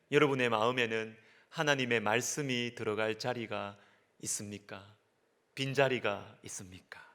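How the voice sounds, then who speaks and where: A male pastor preaching a sermon, asking the congregation questions and swinging from hushed whispers to raised, emphatic peaks. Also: mid-range voice. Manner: asks the congregation direct questions.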